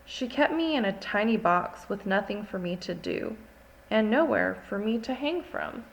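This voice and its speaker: A woman's voice: mid-range voice, lively intonation, normal speed, gravelly, rough recording. A woman voicing a haughty, indignant small furry forest creature in a storybook, telling its tale with dramatic grievance.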